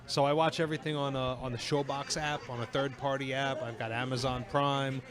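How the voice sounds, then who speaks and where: A man's voice: medium pitch, little pitch movement, fairly quick, a crowd in the background. A man co-hosting a casual podcast, asking questions and making sarcastic jokes. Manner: wisecracking, sarcastic. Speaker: podcast co-host. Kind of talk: casual chat.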